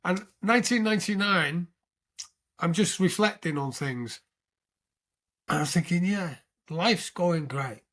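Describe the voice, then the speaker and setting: British man in his sixties, high-pitched voice, animated interview storyteller, keeps asking "right?". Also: measured pace, long pauses. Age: 60s. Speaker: podcast guest, military veteran.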